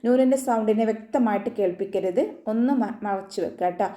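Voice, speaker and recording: A woman teaching the rules of Quran recitation, with patient step-by-step instruction and frequent gentle reminders. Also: medium pitch, brisk. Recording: echoey room.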